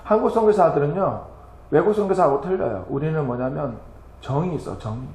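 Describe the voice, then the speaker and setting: Man, missionary giving an emotional church report; higher pitch, echoey sanctuary. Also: fairly quick. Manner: animated, laughing and tearful, exclaiming.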